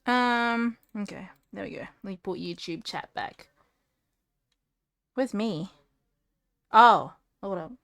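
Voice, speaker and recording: A woman's voice: medium pitch, slow pace, creaky, long pauses, dry recording. A woman streaming from home, chatting casually and rambling to her chat while fixing her setup, close to a desk mic.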